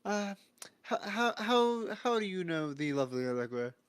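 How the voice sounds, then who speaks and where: A man voicing an earnest, polite vegan monk who talks haltingly and stammers. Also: high-pitched, very animated, clean tone, no echo, studio quality, voice pushed up. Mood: awkwardly polite.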